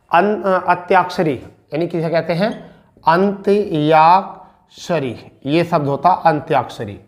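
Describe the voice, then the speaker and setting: A man teaching spelling in an online exam-prep lesson. He repeats each word slowly, quizzes his students and calls them beta and bhaiya. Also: on the high side. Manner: addresses listeners as beta and bhaiya. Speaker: Hindi teacher.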